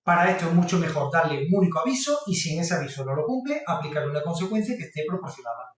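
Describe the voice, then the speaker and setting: A man giving a parenting workshop, explaining calmly and speaking straight to the listener. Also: on the high side, fast talker. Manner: calm, explanatory, addresses the listener directly. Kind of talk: instructional talk to camera. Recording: very echoey room, mic at a distance.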